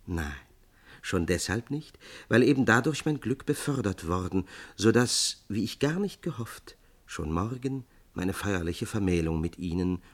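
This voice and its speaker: A man voicing a small, spiteful male gnome king in an audiobook tale, shrill and scolding. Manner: shrill, shouting.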